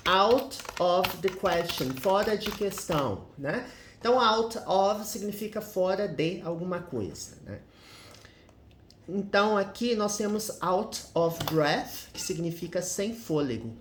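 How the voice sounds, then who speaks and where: A male English teacher walks through grammar in a slow, unhurried way. He explains methodically and keeps checking in with short tag questions. His voice carries a roomy echo. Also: high voice, expressive, a little hiss or hum.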